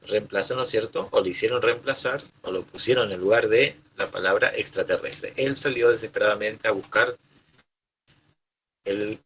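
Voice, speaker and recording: Man, argentine accent, teacher, low husky voice, bright, repeats himself patiently. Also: poor audio. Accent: Argentine Spanish. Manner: patient, repeats points with frequent "¿sí?". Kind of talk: online class explanation.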